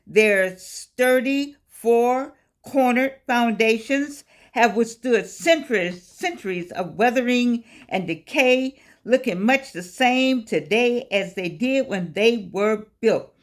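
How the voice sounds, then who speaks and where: A woman's voice: fairly high pitch, lively intonation, takes it slowly. Folksy woman in her eighties. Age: 80s. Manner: folksy, preachy, repeats phrases, calls listeners baby. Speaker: life coach vlogger. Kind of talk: casual motivational talk to camera.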